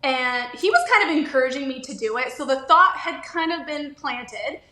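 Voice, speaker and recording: Woman in her 40s, upbeat guest, bright tone, echoey room. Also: sits high, lively intonation, normal speed. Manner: friendly, upbeat, with small fillers. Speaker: guest, beauty brand founder. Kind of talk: casual interview chat.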